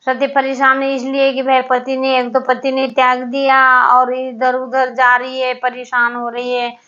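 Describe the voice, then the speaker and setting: A woman tells a devotional story in a relaxed, casual way. Her voice sits high and she talks slowly, stopping on fillers and going back over her words. The recording is dull and lo-fi. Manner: unhurried and halting, with many fillers and repeated words.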